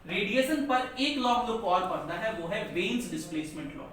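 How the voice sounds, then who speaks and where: A man's voice: high voice, big pitch swings, fairly quick, fairly bright tone. A male physics teacher lecturing a class, asking questions and repeating key terms. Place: large echoey classroom. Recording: echoey classroom from far off, faint noise.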